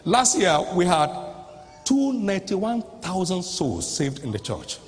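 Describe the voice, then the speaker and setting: A man preaching a sermon at a convention, emphatic and repeating lines as he rises to shouts. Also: sits high, wildly swooping pitch, unhurried, faint music behind. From Nigeria. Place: large convention hall. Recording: reverberant live hall recording.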